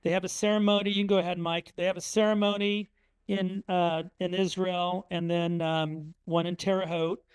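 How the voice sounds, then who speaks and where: Speaking at a museum, a middle-aged Indiana author tells family stories over slides in a relaxed, conversational way, often saying um and uh. His voice sits high and clear with a resonant quality, holding a level tone at a moderate pace, and no room sound is audible.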